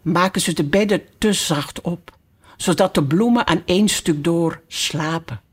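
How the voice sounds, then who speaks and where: A reader putting on a haughty tiger lily, grand and imperious, who lectures and scolds everyone around her. The delivery is unhurried and drawn out, a proud storybook flower performed by a narrator. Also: mid-range voice, breathy edge. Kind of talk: audiobook character voice.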